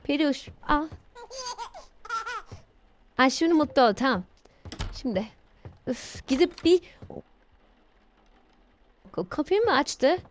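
A young woman playing a horror game while commentating, with excitable, easily startled exclamations. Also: sits high, slow, pauses often, slight background noise. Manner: jumpy, shrieking exclamations when scared. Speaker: gamer.

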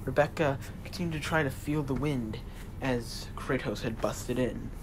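A man's voice: medium pitch, moderate pace. A man narrating a homemade fantasy adventure story as its storyteller. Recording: noisy homemade recording.

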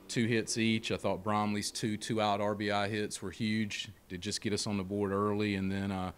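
A man's voice: on the low side, slight background noise. A middle-aged man, a head baseball coach at a postgame press conference, talking plainly and steadily with many fillers into a handheld mic. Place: press room before a sponsor backdrop. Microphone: handheld mic held close.

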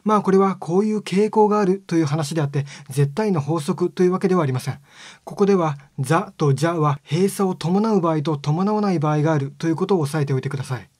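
A man giving a scripted lesson on speech sounds, explaining step by step in a calm, polite way. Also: on the high side, quick pace, no echo, clean studio sound. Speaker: phonetics teacher.

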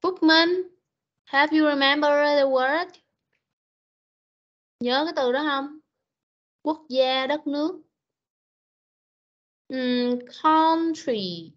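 A woman with a Vietnamese accent teaches English vocabulary to children in an online class, her high voice steady and very slow with frequent pauses. She patiently repeats words to drill their pronunciation. The dull, lo-fi audio comes from a video call in an online meeting.

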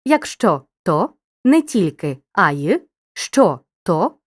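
A woman narrating a grammar lesson in a clear, scripted, teacherly way, speaking directly to the listener. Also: on the low side, very animated, takes it slowly, dry recording, studio quality.

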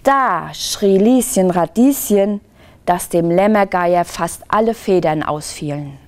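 A woman reads a children's book to young listeners at a library. She pulls them into the story. Her pace is slow and her pitch swings in a lively, animated way. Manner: expressive, involves listeners. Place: library reading.

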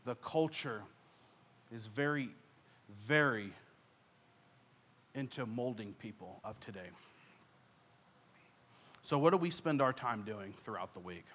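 A young man preaching a sermon on a church stage, speaking earnestly into a handheld mic, rising in volume on key points and dropping soft at the ends of phrases. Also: medium pitch, lively intonation, slow, pauses often. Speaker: pastor.

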